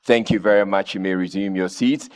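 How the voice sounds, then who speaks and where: Male forum moderator, lowish voice, exhorting a live audience, repeats key lines. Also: fairly even intonation, fairly quick, clean tone, in a large hall. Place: conference room with audience.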